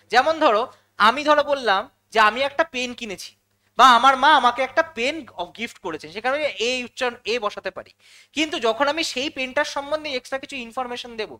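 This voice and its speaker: A quick-talking woman teaches English grammar. She goes step by step, repeats the key words and keeps checking in with her students through questions. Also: on the high side, sharp tone. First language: Bengali. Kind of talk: classroom-style lesson explanation.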